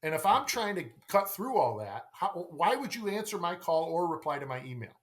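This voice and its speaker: This sales coach, a guest on a conversational podcast interview, sounds animated, with a higher-pitched, brisk voice. He speaks emphatically, repeats phrases, and leans on rhetorical questions and the tag "right?".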